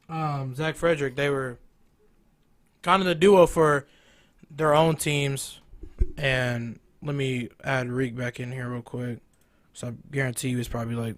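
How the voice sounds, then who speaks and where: A man's voice: medium pitch, dry recording. A man hosting a local sports talk show in a casual, conversational style. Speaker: host of a local high school sports show.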